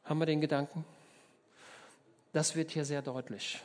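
A German man preaching a sermon, telling the story in a lively way, acting out the people in it and often asking his listeners for agreement. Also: fairly high pitch, normal speed. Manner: lively storytelling, acts out voices, asks the listeners questions.

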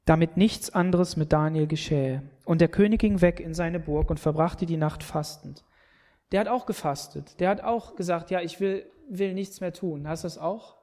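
High-voiced earnest male preacher. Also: moderate pace, mellow. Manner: earnest, repeats words when pressing a point. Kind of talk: sermon.

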